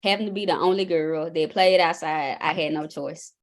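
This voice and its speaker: A young woman with a Southern drawl from Mississippi, talking in a relaxed, folksy way as an interview guest. Her voice sits a little low for a woman, and she tells things in easy, rambling runs. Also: moderate pace. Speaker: basketball coach, guest. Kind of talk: casual interview.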